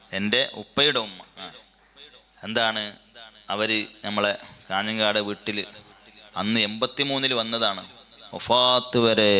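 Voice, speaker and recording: A man's voice: fairly low pitch, bright, forceful tone. A man giving a sermon, asking many rhetorical questions. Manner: rhetorical questions, emphatic rises. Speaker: Islamic preacher.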